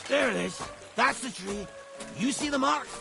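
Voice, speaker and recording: Hurt game woodsman, gravelly, raspy, high-pitched, lively, blunt and bossy. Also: normal speed, music in the background, heavily acted. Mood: gruff. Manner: blunt, curses, barks orders. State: hurt and short of breath. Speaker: video game character.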